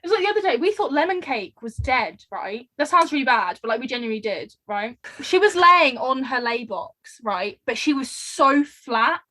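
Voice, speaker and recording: A woman co-hosting a casual podcast, chatty and animated, telling stories with lots of fillers. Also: high voice, normal speed, hardly any pauses. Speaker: podcast co-host. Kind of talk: casual chat.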